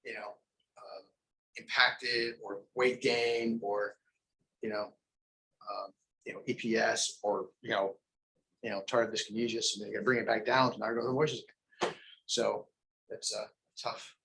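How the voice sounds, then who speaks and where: A man's voice: on the low side, level tone, moderate pace, vocal fry, pauses often, sharp tone. A man teaching a crisis intervention class in a conversational, rambling way with lots of fillers. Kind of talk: classroom lecture. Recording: echoey training room, distant mic, faint noise.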